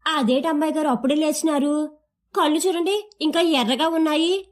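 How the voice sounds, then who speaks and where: A woman's voice: high-pitched, a little slow. A woman voicing a cheerful young village maidservant who speaks in a rustic dialect, chatty and deferential. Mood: teasing, chatty.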